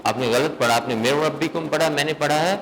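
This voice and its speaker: A man's voice: fairly high pitch, a crowd in the background, rough recording. Man teaching recitation rules to a class. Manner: questions students, then chants verses in slow melodic recitation. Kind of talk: classroom lesson.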